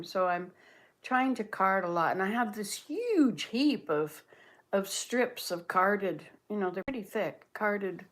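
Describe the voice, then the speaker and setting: A woman in her late sixties from Canada, chatting casually on a livestream, musing aloud and answering viewer comments as she reads them. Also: mid-range voice. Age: 60s. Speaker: livestream host.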